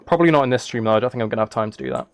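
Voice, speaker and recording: Between clicks and keyboard typing, a man streaming a video game talks to his viewers casually, teasing them playfully and wandering into rambling tangents. His mid-range voice swoops wildly in pitch and moves very fast on a dry recording with clear noise.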